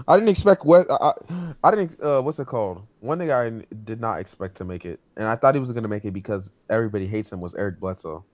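A man's voice: fairly low pitch, fast, dry recording. A young man in casual sports banter on a podcast, slangy and boastful. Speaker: podcast panelist.

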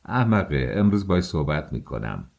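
A man reading the part of a brooding, feverish young male student, speaking low and curt in an audiobook. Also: big pitch swings, gravelly, a little mellow, heavily acted. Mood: muttering.

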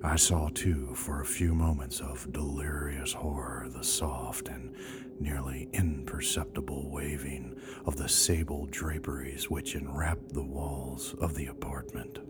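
A man playing a sinister old horror actor who tells bedtime stories in a slow, creeping, breathy whisper, in a radio play. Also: rumbling low, fairly even intonation. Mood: dread. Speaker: horror storyteller. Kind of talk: radio bedtime story narration. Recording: loud music behind.

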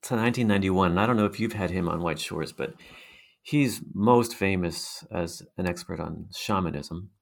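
Middle aged guy being interviewed, hypnotic low voice w some gravelly fry, conversational. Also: moderate pace. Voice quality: hypnotic, mesmerizing voice. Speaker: guest, consciousness researcher.

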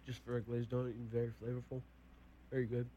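A man's voice: medium pitch, flat delivery, fast, mellow, lo-fi sound. A young man tasting food on a casual show, giving short clipped verdicts. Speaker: guest taster. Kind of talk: casual food taste-test chat.

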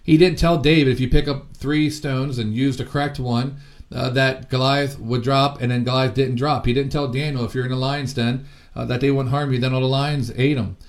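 A middle-aged man delivering a heartfelt sermon in a gravelly voice of ordinary pitch. He speaks earnestly, often restarting his sentences and filling pauses with "you know". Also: steady tone. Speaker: ministry founder and preacher. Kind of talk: sermon teaching.

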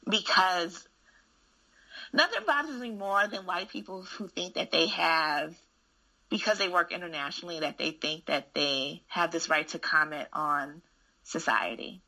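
Frank, gravelly-voiced woman telling stories. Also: fairly low pitch, a little slow, rough recording. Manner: candid, frank, animated storyteller with frequent restarts. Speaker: school administrator. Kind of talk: casual conversation.

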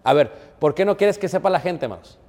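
A male pastor delivers an earnest sermon to his congregation. His voice sits a little high and climbs to forceful emphasis before dropping low. A long hall reverb trails every phrase. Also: expressive, brisk.

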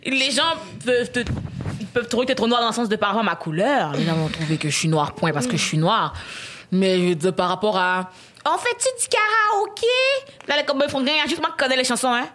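A woman's voice: medium pitch, fast talker, a little hiss or hum. A woman from Quebec, with an accent between Quebec and Haitian French, chatting animatedly and laughing as a podcast co-host. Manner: animated, laughing, mimics others. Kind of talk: casual chat.

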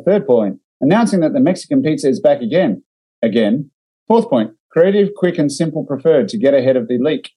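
A man's voice: on the high side, warm tone, slightly rough, rough recording. A man with an Australian accent co-hosting a casual podcast, talking marketing with wry, dry humor. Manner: wry, dry humor, reads out and critiques clips. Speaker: podcast co-host and digital marketer. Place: remote call.

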